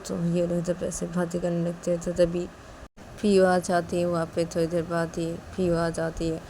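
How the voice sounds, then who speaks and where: Rich: A woman narrating a serial love story in a low-set voice, stringing events together in a plain, chatty way. Faint noise hangs under the homemade recording. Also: monotone, normal speed, mellow, poor audio. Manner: plain retelling with many linking words.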